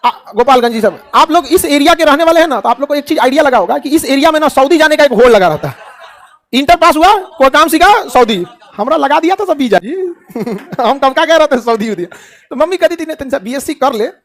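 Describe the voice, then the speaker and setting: A man's voice: very high voice, animated, brisk, fairly bright tone. A middle-aged man with a Bihari Hindi accent giving a motivational speech to students, asking rhetorical questions and answering them himself, joking in a colloquial way.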